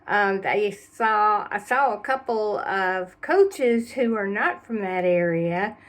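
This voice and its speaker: A woman's voice: mid-range voice, lively intonation, slow. A woman with a Southeast Texas accent, giving a casual, unscripted explanation in a folksy, chatty, rambling way. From Southeast Texas, USA. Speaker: actor presenting a dialect tutorial.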